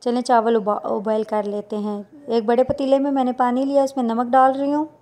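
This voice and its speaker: A woman, talking viewers through a recipe step by step in a plain, unhurried voice-over. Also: a little high, level tone, warm tone. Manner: plain instructional, unhurried with small restarts. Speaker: cooking channel host.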